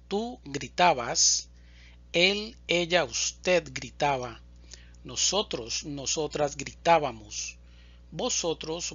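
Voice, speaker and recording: Slow, bright-voiced man drilling verbs. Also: a little high, slightly rough, no echo, lo-fi sound. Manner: deliberate, enunciates each word. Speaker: Spanish teacher.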